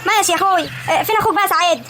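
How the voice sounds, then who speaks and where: A woman's voice: extremely high pitch, racing. A woman playing a nosy, nagging village sister-in-law, speaking with a rural Egyptian accent. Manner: prying, nagging. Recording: loud outdoor noise, chickens.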